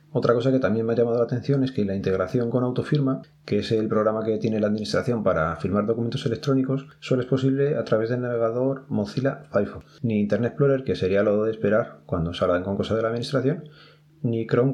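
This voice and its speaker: A man's voice: lowish voice, warm tone, highs cut off. A man with a Spain Spanish accent hosting a podcast, giving chatty, practical advice to his listeners in a casual monologue. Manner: chatty, advising listeners directly. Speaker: podcast host working at an ID card office.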